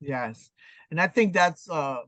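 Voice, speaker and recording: A woman in her sixties from New York City, telling her story as an interview guest in an animated, emphatic way. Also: low-pitched, takes it slowly, no echo. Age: 60s. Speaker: guest artist. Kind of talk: casual interview chat.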